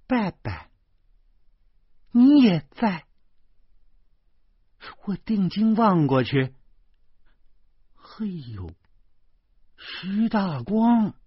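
Man, audiobook narrator, husky, very animated pitch, dry, dull lo-fi sound. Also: no echo. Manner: lively, exclamatory, colloquial. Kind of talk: storytelling narration. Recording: dull lo-fi recording.

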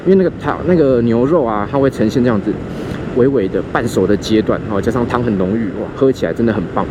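A man with a Taiwanese Mandarin accent tells a story in a casual chat, animated and acting out the voices he quotes, while riding a scooter outdoors. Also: medium pitch, fast talker. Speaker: podcast host. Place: outdoors on a motorbike in city traffic. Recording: faint street and vehicle noise.

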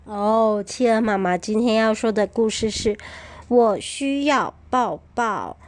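A woman reading a picture book aloud to her children, animated and expressive. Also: fairly high pitch, slow pace. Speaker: storyteller parent.

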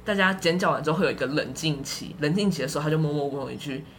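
A woman with a Taiwanese Mandarin accent and a low voice talks very fast as a podcast guest, telling a story in a casual chat. She's an animated storyteller who laughs a lot, with slight background noise behind her.

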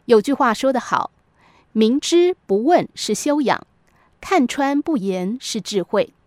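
A woman hosting a podcast, reading a scripted reflective essay in a measured, moralizing storyteller's manner. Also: on the high side, big pitch swings, dry recording, clean studio sound. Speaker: podcast host.

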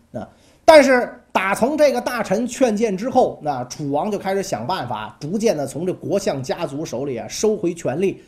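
Lady telling old history stories, super lively swings, warm low voice, chatty. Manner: chatty, colloquial, asks the listener. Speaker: storyteller. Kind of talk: casual history storytelling.

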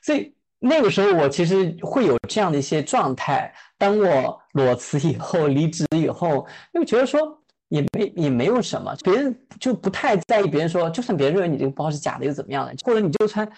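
A woman's voice: sits low, big pitch swings, brisk, a little mellow, husky. A woman in her thirties co-hosting a casual podcast chat. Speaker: podcast co-host.

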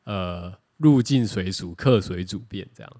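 Guy rambling on a podcast, animated, keeps restarting his sentences. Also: low voice, measured pace. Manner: rambling, animated, self-correcting. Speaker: podcast co-host. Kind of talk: casual chat.

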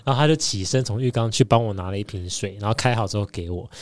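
A man with a Taiwanese Mandarin accent in casual podcast chat, telling an animated story and laughing often. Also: on the low side, fast talker, no echo.

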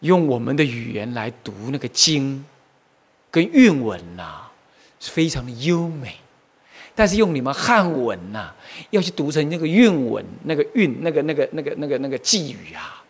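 A man's voice: mid-range voice, vocal fry, breathy edge. A male Buddhist monk gives a lecture on Buddhist history, often asking his listeners questions and exclaiming. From Taiwan. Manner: animated, asks the audience questions, exclaims often.

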